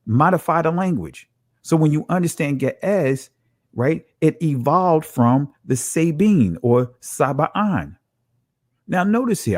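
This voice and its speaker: A man teaching from slides, slow and emphatic, asking his listeners rhetorical questions. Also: mid-range voice, darkish tone, no echo, studio quality.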